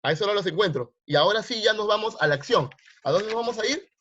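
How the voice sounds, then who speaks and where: A man's voice: high-pitched, lively intonation, fast, fairly bright tone. A male teacher, teaching grammar online and quizzing his students with repeated questions. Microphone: video call. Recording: lo-fi online class audio.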